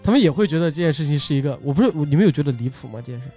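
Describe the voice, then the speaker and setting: Higher-pitched chatty male host over music. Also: expressive, racing, dark tone. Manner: chatty, repeats short phrases. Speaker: host, video uploader and magician. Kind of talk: casual chat, introducing guests.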